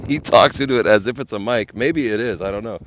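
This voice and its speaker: A man with a fairly low voice livestreams from his phone at an outdoor garden cafe, using an ear-worn mic. Talking at normal speed, he chats casually, rambles and greets viewers by name, with a noisy background.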